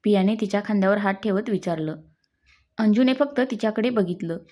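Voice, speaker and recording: A woman's voice: medium pitch, fairly quick, dark tone. A woman with a Marathi accent reading a story aloud and giving every character's lines in her own voice. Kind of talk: scripted story narration.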